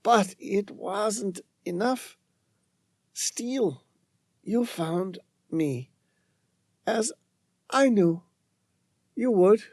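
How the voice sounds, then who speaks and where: A man voicing a desperate woman scientist trapped in the ice and dying, speaking in halting, pleading phrases in an audiobook. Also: sits high, no echo, pitched above the performer's own voice, heavily acted. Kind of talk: audiobook narration.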